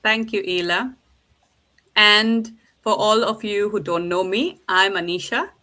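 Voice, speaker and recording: A woman's voice: mid-range voice, unhurried, pushed and bright. A woman from India hosting a live online panel, upbeat and eager, introducing her guests over a video call. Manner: upbeat, keeps calling things lovely. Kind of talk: live-streamed group discussion.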